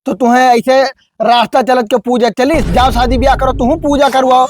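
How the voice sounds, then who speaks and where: A man's voice: very high voice, fairly even intonation, moderate pace, a little hiss or hum. A man playing a stubborn young village husband in a comedy skit, bickering bluntly in an Awadhi accent. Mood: annoyed. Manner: blunt, bickering rustic talk.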